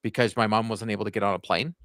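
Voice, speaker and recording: A man's voice: fairly low pitch, steady tone, racing, fairly bright tone, no echo, studio quality. A man in his forties from Canada, chatting casually about his hockey channel with plenty of fillers and restarts. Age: 40s. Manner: chatty, rambling, lots of fillers. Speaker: hockey YouTuber guest. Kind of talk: casual podcast chat.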